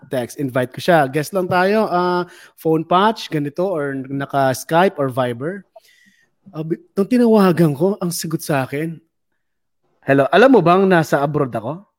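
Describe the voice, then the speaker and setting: A woman's voice: low voice, measured pace. A woman hosting a talk show, a teasing, chatty storyteller in casual chat. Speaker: radio host.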